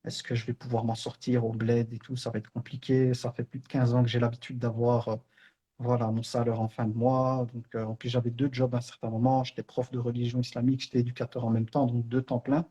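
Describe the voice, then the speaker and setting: Middle-aged male teacher; fast, husky, earnest spiritual reminder. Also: medium pitch, little pitch movement, dark tone. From Belgium, Brussels. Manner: earnest, conversational storytelling with many fillers. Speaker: online Islamic teacher.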